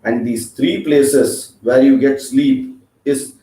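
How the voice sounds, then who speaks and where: A man's voice: medium pitch, fairly even intonation, slow pace, mellow. A man with an Indian accent teaching an informal scripture class, chatty and joking, often checking in with his listeners. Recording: roomy echo.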